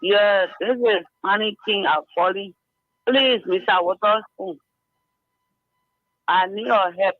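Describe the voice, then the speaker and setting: A woman's voice: medium pitch, takes it slowly, long pauses, no room sound. A woman caller pleading for help, with her phone held away from her mouth on a call-in line. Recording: tinny faraway phone line.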